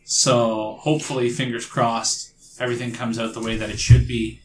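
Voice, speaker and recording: A man narrating as game master in a tabletop game, halting and amused as he tells the story. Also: medium pitch, level tone, reverberant, rough recording. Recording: faint room noise.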